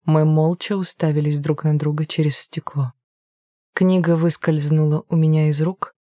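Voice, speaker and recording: Woman reading a novel out loud, low calm voice, dry close mic. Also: normal speed, dry recording. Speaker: audiobook narrator. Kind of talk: first-person audiobook narration.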